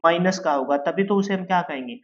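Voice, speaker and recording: A man's voice: sits high, fairly quick, muffled recording. A male teacher giving a lecture, who asks questions and answers them himself and calls his students "beta". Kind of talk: classroom lecture.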